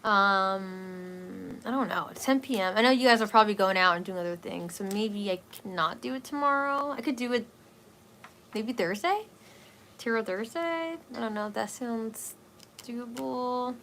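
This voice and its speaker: Woman, wellness stream host; soft, relaxed, rambling casual chat full of fillers, faint background hiss. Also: fairly high pitch, normal speed, creaky. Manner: rambling and hesitant, many fillers.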